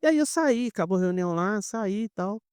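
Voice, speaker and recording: A man's voice: high voice, brisk, smooth, no room sound, clean studio sound. A man with a Brazilian accent preaching a conversational sermon, speaking straight to the congregation and acting out the people in his stories. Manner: animated storyteller, addresses the congregation directly; acts out quoted dialogue. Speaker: pastor.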